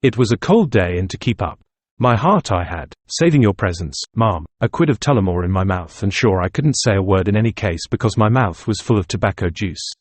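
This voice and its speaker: A man reading the part of a stubborn middle-aged nationalist telling a wry tale at dinner, in a low voice. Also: lively intonation, fairly quick, dry recording.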